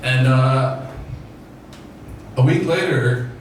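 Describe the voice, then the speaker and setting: Very reverberant noisy room, man, stand-up comedy, distant mic, irreverent deadpan delivery, open mic club. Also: mid-range voice, extremely slow. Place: small basement comedy club with audience. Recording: very echoey room, distant mic, clear noise. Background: room ambience and noise.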